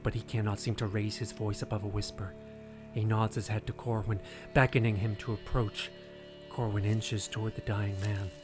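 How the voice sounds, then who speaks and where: With prominent music playing underneath, a man with a fairly low voice reads scripted narration for an audio drama. His delivery is grave and deliberate, and his phrasing builds suspense.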